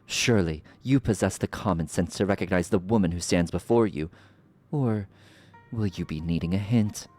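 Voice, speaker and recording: A man voicing a haughty, mocking ancient sorceress from a game, speaking in slow theatrical villain menace. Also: sits low, a little mellow, soft background music. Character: haughty sardonic ancient sorceress villain, memory manifested, woman. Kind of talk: reading game dialogue aloud in character.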